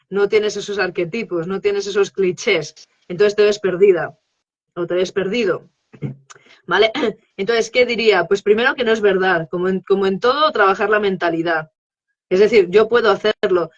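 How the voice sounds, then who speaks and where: A woman's voice: medium pitch, lo-fi sound. A woman, a guest expert on English teaching, explaining her method in a live interview and checking in often with tag questions.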